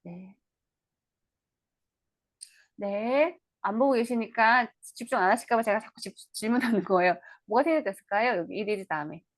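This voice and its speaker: A woman tutor whose voice is a little high lectures online about an English play, slowly reading its lines and explaining them in Korean. She asks the viewers questions, and the recording is dry.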